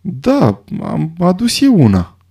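A man's voice: medium pitch, very animated, dark tone. A man voicing a grave male doctor who speaks with a trace of uncertainty. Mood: uneasy.

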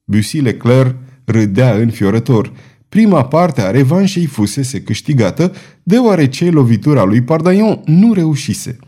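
Un narator bărbat care citește un roman de aventuri cu dramatism și intonație foarte vie. Timbrul e cald și domol, cu înălțime obișnuită. Lectura are ritmul unei cărți audio bine jucate. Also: male voice, mid-range voice. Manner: expressive, dramatic storytelling. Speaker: narrator. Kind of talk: audiobook narration.

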